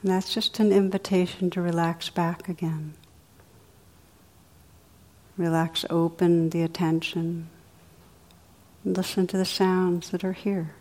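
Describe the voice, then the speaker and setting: Woman, meditation teacher, slightly low pitch, very level intonation, soothing, unhurried, soft drawn-out phrases. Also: little pitch movement. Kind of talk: guided meditation.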